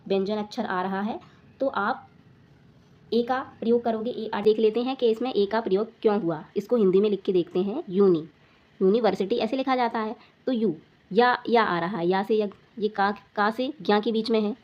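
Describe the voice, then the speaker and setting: A woman teaching a grammar lesson to children, repeating each point slowly and asking if it is clear. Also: mid-range voice, highs cut off.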